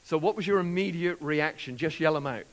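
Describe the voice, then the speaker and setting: A man leading a live seminar, speaking in a lively, encouraging way and repeating what audience members call out. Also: a little high, brisk. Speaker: workshop presenter.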